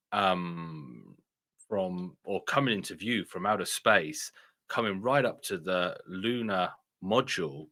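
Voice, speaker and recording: A man hosting a video with casual, speculative commentary, often halting and repeating his phrases. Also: low-pitched, a bit bright. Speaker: video host.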